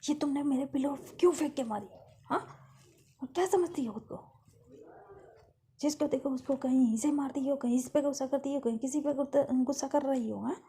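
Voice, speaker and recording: A woman voicing a stern, bossy young woman who scolds loudly and indignantly. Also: high-pitched, brisk, voice pushed up. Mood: scolding.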